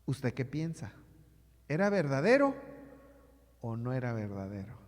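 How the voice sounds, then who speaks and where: A man's voice: mid-range voice, big pitch swings, a little slow, darkish tone. A man preaching a sermon as a pastor, telling a childhood story and acting out the voices in it. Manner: storytelling, acts out voices of his mother and himself as a child. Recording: long hall reverb.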